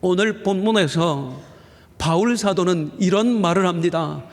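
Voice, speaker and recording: A senior pastor with a high voice preaches a Sunday sermon from a church pulpit. Earnestly, he slows phrases down for weight and lifts his voice on the key points he wants to land, with a long reverb trailing each line through the sanctuary.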